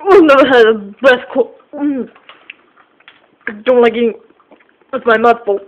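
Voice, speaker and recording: A woman's voice: on the high side, normal speed, highs cut off, close to an everyday voice. A woman voicing her greedy, food-obsessed pet dog in a whimpering, pleading sing-song for a home video. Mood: blissful.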